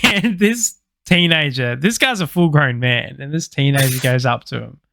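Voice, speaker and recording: A man's voice: fairly high pitch, pushed and bright, clean tone, dry recording. An Australian man co-hosting a podcast, telling rambling stories with plenty of swearing and laughter. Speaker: podcast co-host. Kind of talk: casual chat, storytelling.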